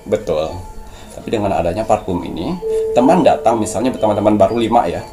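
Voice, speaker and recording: A man's voice: on the low side, a little fast, music in the background. A man speaking as a spiritual medium, giving preachy mystical advice and coaching his listeners. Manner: preachy, coaching tone, addresses viewers as "sayang".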